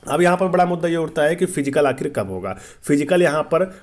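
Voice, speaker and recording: A man hosting an exam-update channel explains things to students in a fairly high, lively voice at a brisk pace. He repeats his points emphatically and keeps adding check-in tags to make sure listeners are following.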